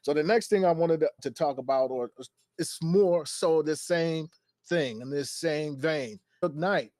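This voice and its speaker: A man's voice: fairly high pitch, a little slow, darkish tone, no room sound. A man hosting a casual podcast chat, thinking aloud and putting questions to his co-hosts. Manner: conversational, thinks aloud with restarts. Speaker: podcast host.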